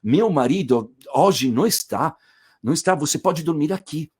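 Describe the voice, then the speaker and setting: A man's voice: fairly high pitch, animated, normal speed, slightly rough, voice pushed up. A man voicing an insistent, hospitable woman who presses her guest to stay the night.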